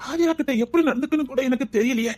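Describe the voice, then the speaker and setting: A woman's voice: high voice, quick pace, darkish tone, faint music behind, natural voice. A woman playing the children's uncle, a grown man brooding and reproaching himself in a Tirunelveli Tamil comedy skit. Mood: regretful.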